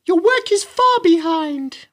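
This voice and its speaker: Woman putting on shrill bossy stepsisters. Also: animated, takes it slowly, exaggerated voice. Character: jealous unkind young stepsisters, bossy. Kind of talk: storybook read-aloud.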